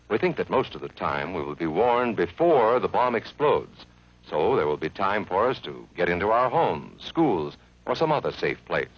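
An American man narrating a grave civil defense film from the 1950s in a measured, instructive way, as if addressing children. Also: low-pitched. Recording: dull vintage film soundtrack.

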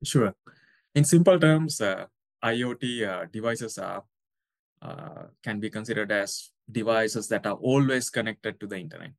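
A man's voice: lowish voice, unhurried, gravelly, no room sound. A young man from Sri Lanka, a researcher answering interview questions with many hesitant fillers. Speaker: guest researcher.

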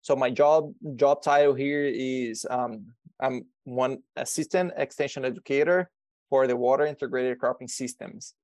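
Halting Brazilian man, dry close sound. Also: mid-range voice, fairly even intonation, darkish tone, no room sound. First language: Portuguese. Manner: halting, many restarts and repeated words. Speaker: extension educator guest. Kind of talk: podcast interview.

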